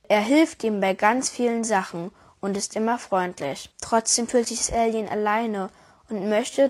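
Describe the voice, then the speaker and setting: Woman calmly reading a children's story. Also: medium pitch.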